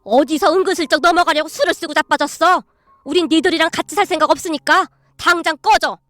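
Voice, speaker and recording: A woman's voice: very high-pitched, fast talker, no echo. A woman voicing a timid middle-aged mother-in-law who earnestly practices sounding fierce. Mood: shouting. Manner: eager, earnest, practiced shouting.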